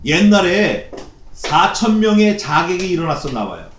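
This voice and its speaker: A man with a high voice preaches through a passage of scripture. He keeps putting questions to the congregation and answering them himself. His voice rings around a roomy church sanctuary. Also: very animated, normal speed, a little hiss or hum. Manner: acts out the figures in quoted shouts. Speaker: pastor. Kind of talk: expository sermon.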